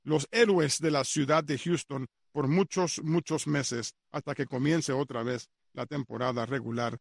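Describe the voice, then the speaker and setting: A man's voice: mid-range voice, fairly even intonation, measured pace, gravelly, dry recording, clean studio sound. A man hosting a sports radio show, chatty and repetitive, with frequent hesitant fillers. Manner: chatty, repeats details, many fillers. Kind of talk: casual radio sports commentary.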